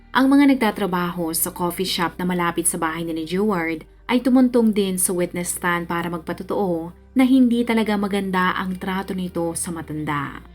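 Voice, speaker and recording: A woman with a fairly low voice tells a true-crime story in steady, measured narration. Her delivery is scripted and even. Soft music plays faintly behind her.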